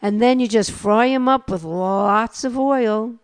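A woman's voice: on the high side, measured pace, clean tone, no echo. An older woman with a New York accent co-hosts a community radio show, chatting casually and laughing easily. Her voice is dry and close, with no room around it. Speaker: co-host.

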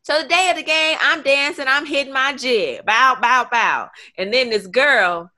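Young woman co-host, higher, punchy voice, lively stories with lots of laughs. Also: moderate pace. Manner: animated storyteller, laughs often. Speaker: podcast co-host. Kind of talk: casual podcast chat.

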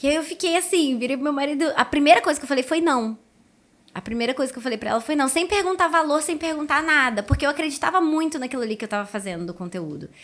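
High-voiced woman telling her story. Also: very fast. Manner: animated, lively retelling with quoted dialogue. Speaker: podcast guest. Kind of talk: casual storytelling chat.

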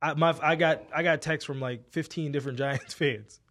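A man co-hosting a sports talk show, explaining plays in casual, halting banter. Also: on the high side, steady tone, a bit bright. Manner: halting, restarts words while explaining. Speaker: sports podcast co-host.

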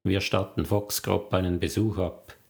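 A man's voice: low-pitched, moderate pace, gravelly. Man voicing a cold, ruthless crime boss. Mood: cold, calm. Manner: calm and unmoved, shouting at the end.

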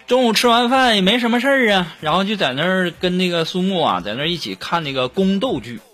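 A man's voice: high-pitched, quick pace. A young man, hosting a comic monologue and chuckling through his punchlines. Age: young adult. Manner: animated joke-telling, chuckling through punchlines. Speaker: host. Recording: voice over loud background music.

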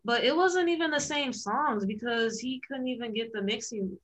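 A woman's voice: on the high side, moderate pace, rough recording. A woman co-hosting a podcast in casual chat, curious and asking questions. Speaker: podcast co-host.

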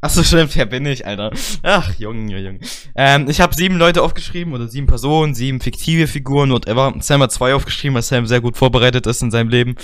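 A young man hosting a casual podcast from an online call, his mid-range voice strained after a night of shouting. He jokes, throws in slang and laughs often. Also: mid-range voice, fast, few pauses. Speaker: podcast host.

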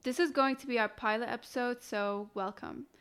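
A woman from Iraq and Oman co-hosts a casual podcast chat. Her voice is smooth and clear, set a little high. She talks in a playful, teasing way. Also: steady tone, moderate pace, fairly bright tone. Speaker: podcast co-host.

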